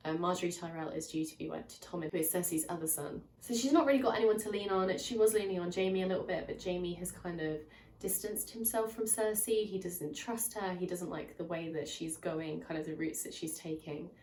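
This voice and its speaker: Heard on a low-quality recording with a roomy sound, a distant mic, and slight background noise, a woman speaks in a lowish, darkish voice. As a channel host reviewing a book for her viewers, she's casual and spoiler-heavy, and a lingering cold leaves her slightly nasal and stuffed up. Her plot recaps are chatty and sprinkled with "um" and "kind of."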